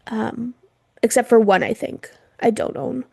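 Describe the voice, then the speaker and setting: Co-hosting a podcast, a woman chats casually and laughs often, her throat irritated from smoke. Her voice is a little high and mellow, with vocal fry and a breathy edge, at a measured pace, recorded dry with studio quality.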